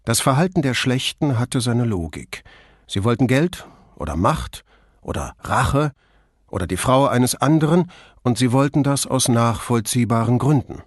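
A man reads an audiobook in a measured, even storytelling voice. His pitch is ordinary for a man. He is recorded close to the microphone in a dry studio. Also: no echo. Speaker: audiobook narrator. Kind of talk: scripted audiobook narration.

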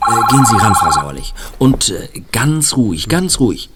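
An actor voicing a calm, steady police inspector in a radio play, hesitating often. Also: male voice, fairly low pitch, moderate pace, very noisy.

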